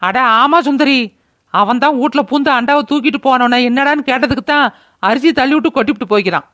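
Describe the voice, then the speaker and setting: A cursing, wailing old village mother-in-law, voiced by a woman for a cartoon. The voice sits high. It is recorded dry and close. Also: fast talker, fairly bright tone, dry recording. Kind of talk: cartoon voice acting.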